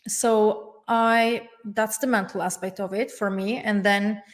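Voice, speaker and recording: Woman from norway, young adult, formal careful answers, middle pitch. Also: steady tone. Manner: measured and formal, with careful connectives. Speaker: guest. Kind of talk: interview answers.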